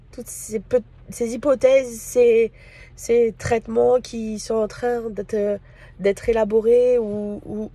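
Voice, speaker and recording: A woman from France talking casually to camera in a personal vlog, hesitant and full of pauses and fillers. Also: on the high side, dark tone, no room sound. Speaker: vlogger.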